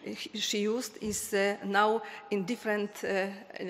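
A woman at a conference podium answering questions hesitantly, with many pauses and fillers. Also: medium pitch, flat delivery. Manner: hesitant, many fillers, non-native phrasing. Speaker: eye surgeon speaker. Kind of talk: panel discussion answers. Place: large conference hall stage at a podium. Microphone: podium microphone. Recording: long hall reverb, faint noise.

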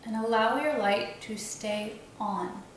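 A woman slowly and soothingly guiding a breathing and visualization meditation. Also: on the high side, slight background noise. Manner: slow, soothing, gently instructive. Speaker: meditation guide. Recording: very echoey room, faint ambience.

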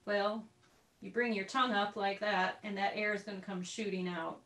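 In this online group recorder lesson, a woman speaks at a normal speed in a steady, mid-range voice with a fairly bright tone. She explains in a conversational way, adding little asides. She's far from her computer's mic, and the call audio sounds roomy.

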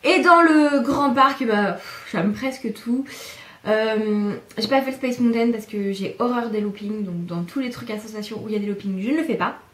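Enthusiastic woman vlogger, chatty, lots of "euh", slightly high voice, echoey room. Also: normal speed, a bit bright, recorded from a distance. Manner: enthusiastic, chatty, many fillers. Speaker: YouTuber showing a haul. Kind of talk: casual chat to camera.

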